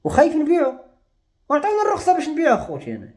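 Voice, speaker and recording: A man's voice: extremely high pitch, wildly swooping pitch, racing, darkish tone. A young man with a Moroccan Arabic accent, speaking to camera in an agitated, despairing rant. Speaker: vlogger. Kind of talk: emotional monologue to camera.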